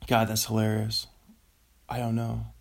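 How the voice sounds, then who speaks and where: Slow-talking husky guy riffing on a comedy podcast, cracks himself up. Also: lowish voice, completely flat delivery. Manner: rambling, self-amused, laughs at own jokes. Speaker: comedian host. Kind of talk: casual comedy monologue.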